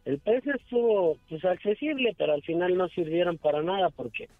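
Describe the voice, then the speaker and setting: A man's voice: high-pitched, a little fast, no room sound. A man calling in to a radio show over a phone line, talking in an easygoing, plain way. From Mexico City. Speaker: radio caller. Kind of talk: casual call-in chat. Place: on the way to work. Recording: tinny phone line, faint music behind.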